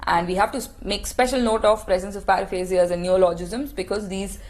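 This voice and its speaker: Woman, medical lecturer, patient explanatory tone, rhetorical questions, mid pitch. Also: fairly even intonation, brisk, darkish tone. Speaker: clinical lecturer.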